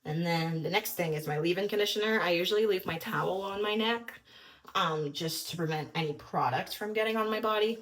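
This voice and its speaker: Young woman, lifestyle vlogger, chatty and upbeat, slightly low-pitched, a bit breathless. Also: a little fast, a bit bright. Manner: chatty, upbeat, filler-heavy. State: a little out of breath. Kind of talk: casual chat to camera.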